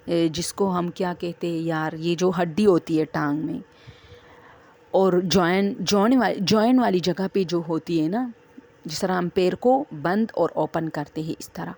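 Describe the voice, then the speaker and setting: Gravelly-voiced woman telling a spooky story. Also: on the low side, a little mellow. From Swat, Pakistan. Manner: chatty, addresses listeners as friends, digresses. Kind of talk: casual first-person horror storytelling.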